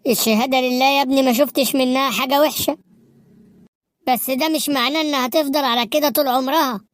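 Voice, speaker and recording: A woman's voice: high-pitched, fairly even intonation, quick pace, natural voice. A woman voicing a stern middle-aged father in a cartoon, scolding with an Egyptian Arabic accent. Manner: scolding, lecturing.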